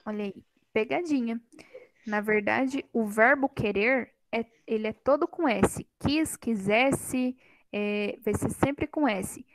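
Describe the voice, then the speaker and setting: A woman teacher leads a classroom grammar lesson on a microphone. Her voice sits somewhat high and moves at an unhurried pace. The sound is dry, and she keeps quizzing her students with a light teasing touch. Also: dry recording, poor audio. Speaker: Portuguese teacher.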